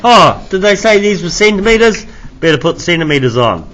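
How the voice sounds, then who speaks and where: Coughing male teacher, bright forceful voice. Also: high voice, sing-song, a little fast. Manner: frequent coughing fits between phrases; informal, jokey, self-deprecating. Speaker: maths teacher. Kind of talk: classroom lesson, explaining step by step. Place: classroom with students.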